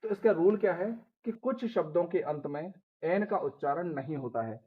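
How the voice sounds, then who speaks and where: A man with a fairly high voice gives a patient pronunciation lesson, spelling out words letter by letter and restating each rule. The sound is thin and tinny, like a phone line, and he keeps calling his viewers "guys". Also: expressive, normal speed, breathy edge. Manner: explains step by step, repeating rules and spelling out letters. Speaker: English pronunciation teacher. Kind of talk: Hindi classroom-style lesson.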